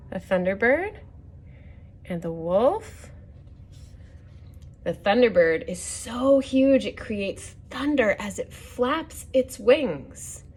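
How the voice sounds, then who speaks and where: A woman with a husky, mid-range voice hosts a children's story time, reading a picture book aloud. She adds gently instructive asides and asks the listeners questions.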